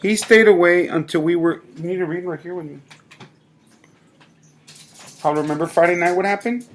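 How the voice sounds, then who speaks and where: A man coaching a child through a book at home. He talks in a patient, coaxing way, feeding missed words and nudging the reader along. He stays gently firm when attention drifts. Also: sits high, moderate pace.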